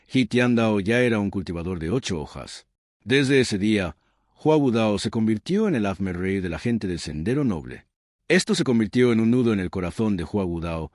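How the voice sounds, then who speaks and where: A man narrates a scripted story recap with a low voice that rises and falls a lot. His delivery is measured and dramatic. The sound is dry and close to the mic. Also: a little mellow, no echo.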